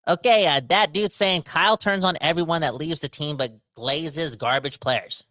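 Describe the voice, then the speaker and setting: A Canadian man in his thirties hosts a podcast livestream, reading viewer comments aloud and ranting in casual slang. His voice sits a little high and moves at a moderate pace with no echo. He's animated and rambling, speaking straight to his audience.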